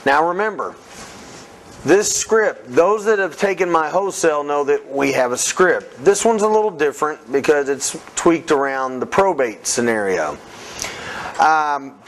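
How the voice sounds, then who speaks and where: A middle-aged man leading a live real estate seminar, energetic and coaching the room with questions to the audience. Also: fairly high pitch, slight background noise.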